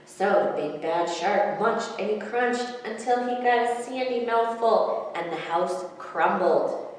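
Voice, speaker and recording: A woman in her thirties speaks at a medium pitch and an unhurried pace while presenting and reading picture books to children as a library storyteller. The sound is echoey and noisy, picked up by a mic placed far away in a hall.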